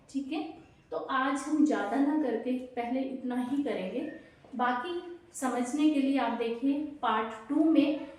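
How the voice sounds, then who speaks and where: A woman teaching an exam-prep grammar lesson, explaining slowly and asking and answering her own questions. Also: high voice, a little mellow. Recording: very echoey room, distant mic.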